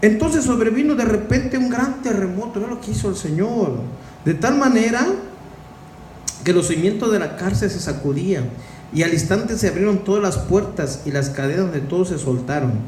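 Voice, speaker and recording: A man gives an informal Bible-study sermon in a high voice, often turning to his listeners with questions. The room rings with a roomy echo. A faint background noise runs underneath. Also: lively intonation, normal speed, a little mellow, recorded from a distance. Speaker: preacher.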